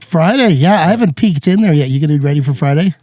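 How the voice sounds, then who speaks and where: A male podcast co-host who asks his questions in an upbeat, chatty way. His voice sits a little higher than most men's. The studio sound is dry, without reverb. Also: lively intonation, fast, darkish tone. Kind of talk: casual chat.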